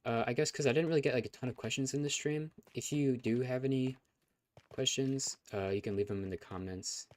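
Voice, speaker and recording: Rambling through his live stream with fillers and restarts, the young male host speaks in a fairly low, darkish voice that has started to go scratchy.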